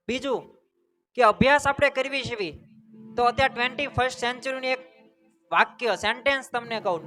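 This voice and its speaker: A man's voice: sits high, sharp tone. A man giving a motivational storytelling talk to students at a school. He keeps asking the audience questions and calls for them to answer. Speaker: motivational speaker. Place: school seminar hall.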